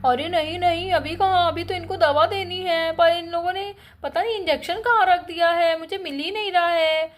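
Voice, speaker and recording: A woman's voice: very high voice, steady tone, moderate pace, few pauses. A woman voicing a bossy, strict male doctor in a doll story, scolding and giving orders. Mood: stern. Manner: stern, scolding.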